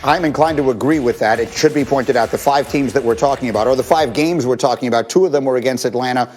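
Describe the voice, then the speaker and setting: A man's voice: medium pitch, fast, a little mellow, soft background music. A man hosting a sports talk show, moderating in an articulate, orderly way with full sentences. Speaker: host.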